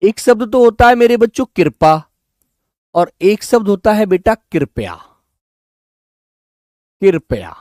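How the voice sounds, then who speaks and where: A man teaching a Hindi spelling class online, coaxing students and repeating words slowly. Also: high-pitched, animated, a little mellow, no echo, studio quality.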